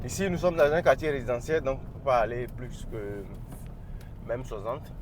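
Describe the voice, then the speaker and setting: Cameroonian dude doing a car vlog, chatty and jokey, talking away from inside the car. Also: male voice, mid-range voice, fairly even intonation, normal speed, noisy background. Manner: chatty and joking, shows features as he goes. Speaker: car vlogger. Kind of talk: casual car review vlog.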